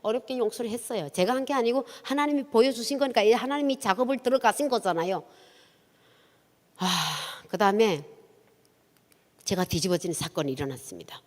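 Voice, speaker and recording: A woman's voice: fairly high pitch, animated, fairly quick. A woman from Korea, an evangelist giving a testimony sermon in a church, telling her story vividly and acting out dialogue. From North Korea. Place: church sanctuary. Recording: long church hall reverb.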